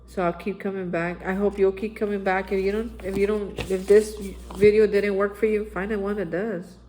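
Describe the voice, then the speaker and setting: In a rough recording with slight hiss or hum, a high-pitched man speaks at a moderate pace with a flat, darkish delivery. He is an Austin, Texas area vlogger giving a daily spiritual recovery reflection, earnestly urging listeners on while repeating phrases and saying "man."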